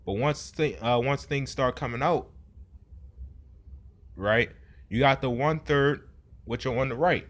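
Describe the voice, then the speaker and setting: A man preaches in a loose, conversational way. He rambles, restarts often, and keeps checking in with "right?". His voice sits at an ordinary middle pitch. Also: a little slow, pauses often, a bit bright. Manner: rambling, many fillers, rhetorical "right?". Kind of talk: informal sermon.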